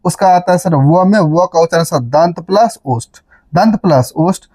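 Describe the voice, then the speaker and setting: Speaking at a normal speed in a high, slightly rough voice with no room sound, a grammar teacher from Bihar, India, quizzes his students and chants memory formulas sing-song. He's lively, repeats key terms, and keeps asking "बात समझ रहे हैं?".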